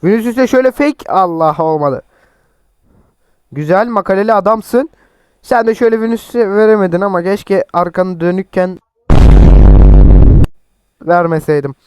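A young man with a sore, cracking throat, chattily commenting on his own football game and yelling at his players. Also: high voice, moderate pace, pauses often, background noise. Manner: chatty, teasing, shouts at players. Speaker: mobile football gameplay streamer. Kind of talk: excited gameplay commentary.

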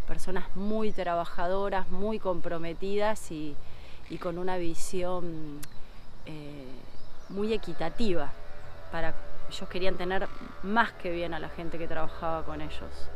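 A man's voice: high voice, fairly even intonation, measured pace, background noise. A man speaking earnestly in an outdoor interview. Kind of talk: conversational interview.

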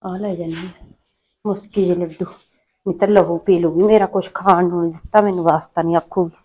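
A woman's voice: very high voice, quick pace, a bit bright, a little hiss or hum. An actress playing a put-upon young daughter-in-law with a Punjabi accent, who grumbles under her breath and answers back sharply. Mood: grumbling. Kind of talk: village short film acting.

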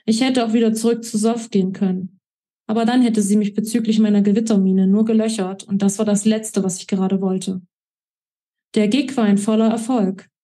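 Woman author, mellow voice, expressive first-person read of her own novel. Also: medium pitch.

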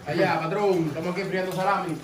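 High-voiced man, casual teasing banter, echoey, off-mic, loud chatter. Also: fairly even intonation, fast. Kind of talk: casual chat. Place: indoors in a busy house. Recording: roomy, distant mic, loud group chatter.

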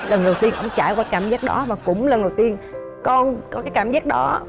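A woman in her thirties with a Southern Vietnamese accent, a guest on a TV talk show, telling a story in an animated way and acting out what others said. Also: on the high side, fairly quick, gravelly, music in the background, a crowd in the background. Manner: animated, acts out quoted lines, laughs while telling. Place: TV studio.

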